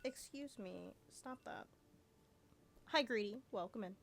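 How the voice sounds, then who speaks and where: A woman's voice: mid-range voice, measured pace, creaky, slight background noise. A woman livestreaming a video game, chatting casually with playful, reactive remarks. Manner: playful, reactive, muttering to exclaiming. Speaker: live streamer playing a video game.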